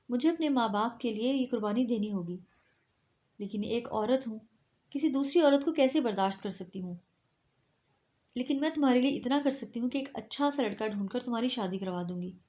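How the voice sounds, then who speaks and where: Anxious young bride-to-be, apologetic but pushy, slightly high, read by a woman. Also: darkish tone, natural voice. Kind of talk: storybook reading.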